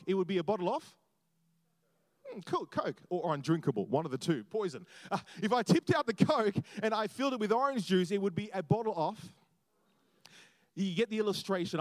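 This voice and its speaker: A man preaching as a guest church planter, animated and repeating phrases for emphasis. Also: high-pitched, no room sound. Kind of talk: sermon.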